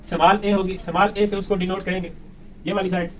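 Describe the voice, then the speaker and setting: A man's voice: sits high, flat delivery, fairly quick. A man with a Pakistani Urdu accent teaching a math lesson, who keeps asking the class questions and answering them himself. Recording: distant mic with faint room noise.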